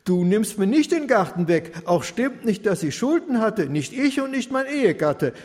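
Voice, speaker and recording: A man's voice: high voice, sing-song, normal speed, a little mellow, long reverb tail, pitched above the performer's own voice. A man voicing a desperate poor widow who pleads insistently for justice, in rhymed storytelling. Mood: indignant.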